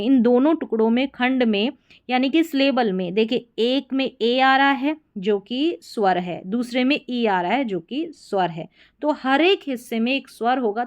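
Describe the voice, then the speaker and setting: Woman teacher, patient, repetitive, slightly high voice, spelling lesson. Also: muffled recording. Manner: patient, repeats points and checks with "theek hai". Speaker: English teacher. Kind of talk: explaining spelling rules in a lesson.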